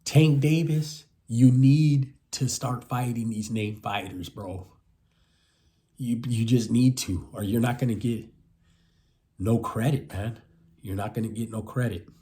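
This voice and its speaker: Unhurried and mellow, this American man in his fifties runs a boxing channel and talks in a loose, wandering way. He keeps repeating himself and tacks "man" onto the end of his lines. His medium-pitched voice holds a fairly even intonation.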